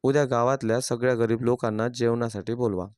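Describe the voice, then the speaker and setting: A man voicing a miserly village merchant who has turned generous, speaking calmly and earnestly. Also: medium pitch, brisk, clean tone, no echo, clean studio sound, lightly acted.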